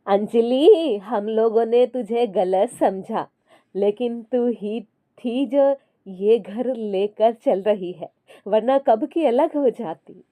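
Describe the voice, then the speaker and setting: A woman voicing a stern, scolding older mother-in-law who speaks slowly and drags out her words. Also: fairly high pitch, dark tone. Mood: remorseful. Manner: slow, drawn-out scolding.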